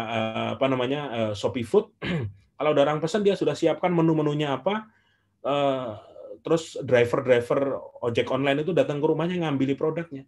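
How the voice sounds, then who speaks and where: Man, animated storyteller. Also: medium pitch. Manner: animated storyteller with frequent "eh" fillers. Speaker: guest speaker answering questions. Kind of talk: online class Q&A.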